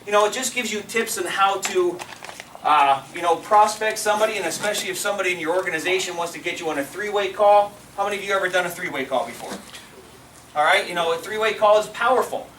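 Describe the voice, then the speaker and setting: A man's voice: high-pitched, quick pace, a bit bright. A man giving a loose, filler-heavy training talk to a live audience in a meeting room, often asking the room to agree. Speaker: team trainer. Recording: roomy sound from far off the mic with faint noise.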